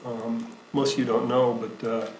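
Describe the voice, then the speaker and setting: A man shares remarks at a board meeting, pausing often and filling gaps with uh and um. He sounds sincere and a little choked up at moments. The room is echoey with a faint hum. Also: mid-range voice, flat delivery, a little mellow. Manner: halting, many fillers, emotional at times. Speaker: school board member.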